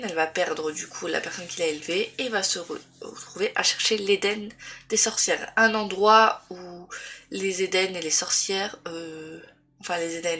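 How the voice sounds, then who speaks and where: This booktuber has a medium-pitched, slightly bright voice and is congested from a cold and sore throat. She talks loosely about books in a casual review vlog, rambling and often restarting or filling pauses.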